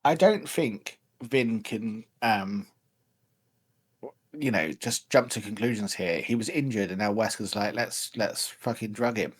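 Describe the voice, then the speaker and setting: A man's voice: fairly low pitch, unhurried, breathy edge. A man reading fanfiction aloud in a mock-dramatic voice and joking about it as a podcast host. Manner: reads in a mock-dramatic voice, swears, laughs. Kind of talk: comic dramatic reading and banter.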